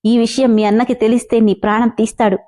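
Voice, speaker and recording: Distressed young wife who fights back, as read by a woman storyteller; high, soft tone. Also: little pitch movement, quick pace, close to an everyday voice. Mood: angry. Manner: angry, tearful pleading.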